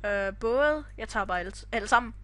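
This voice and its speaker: A woman's voice: on the high side, lively intonation, a bit bright, a little hiss or hum. A young woman chatting casually while playing a game with a friend, laughing often. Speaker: channel owner, gamer. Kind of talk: casual gaming chat.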